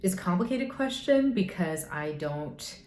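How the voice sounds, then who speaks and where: Her voice is fairly low and darkish, animated but a little slow. A young American YouTuber, she rambles her way through get-to-know-me questions in a laid-back vlog, full of hedging and dry sarcasm. The recording has faint noise and room echo.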